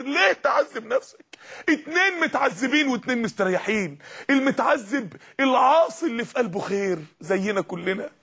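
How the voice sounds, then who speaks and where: A man preaching with an Egyptian accent, his voice pitched very high and rushing along at a quick clip. The tone is husky, and he pleads fervently with the crowd before bursting into shouts. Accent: Egyptian Arabic. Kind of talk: impassioned sermon.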